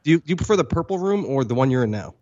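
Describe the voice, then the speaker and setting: A man's voice: medium pitch, sing-song, rapid-fire, dark tone, highs cut off. A man co-hosting a podcast, rambling through stories in casual chat and chuckling often. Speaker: podcast co-host.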